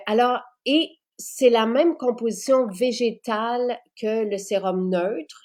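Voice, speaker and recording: A woman's voice: a little high, dark tone. A woman hosting a casual chat about skincare products, enthusiastic and repeating words for emphasis. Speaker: host presenting skincare products.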